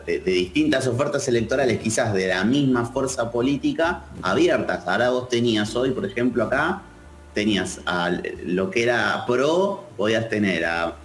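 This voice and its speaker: A man with an Argentine accent, a political analyst answering interview questions in a measured, thoughtful way. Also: fairly low pitch, echoey room. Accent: Argentine Spanish. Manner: measured, thoughtful, with frequent restarts.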